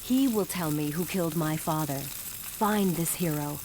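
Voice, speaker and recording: An actress playing a grave, resolute warrior queen weary of war, narrating a game cutscene in a solemn, measured, regal manner. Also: sits low, background noise. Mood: determined.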